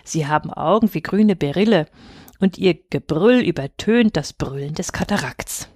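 A woman reading a fairy tale aloud in a calm, measured way. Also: fairly low pitch, no echo, studio quality. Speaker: storyteller. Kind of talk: storybook reading.

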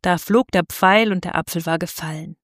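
Lady reading a storybook out loud, steady and expressive, dry close sound. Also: fairly low pitch, normal speed, no echo. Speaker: narrator.

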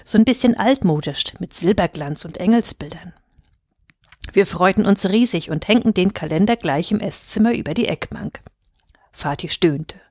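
A woman's voice: fairly low pitch, lively intonation, moderate pace, darkish tone, dry recording, clean studio sound. Woman reading a children's story aloud. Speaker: reader.

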